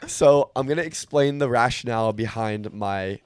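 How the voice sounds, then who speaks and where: A man's voice: medium pitch, moderate pace, clear, resonant tone, no room sound, clean studio sound. A young man hosting a podcast in casual chat, telling stories in a slangy, joking way. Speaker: podcast host.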